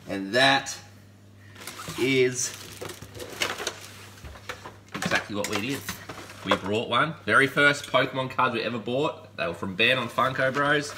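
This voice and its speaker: A man's voice: mid-range voice, measured pace, pauses often, background noise. A man, hosting a casual unboxing chat, upbeat and rambling with laid-back slang. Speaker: collectibles channel host. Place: indoor room lined with collectible shelves.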